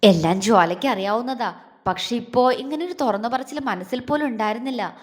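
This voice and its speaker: A woman's voice: on the high side, fairly quick. Woman storyteller in a reverberant hall. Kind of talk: scripted narration of a romantic audio story.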